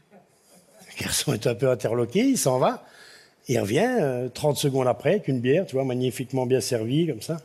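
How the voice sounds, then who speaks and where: A man's voice: mid-range voice, sing-song, moderate pace, darkish tone, husky. A man telling jokes on stage, rambling with digressions. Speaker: stand-up comedian. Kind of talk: live joke-telling.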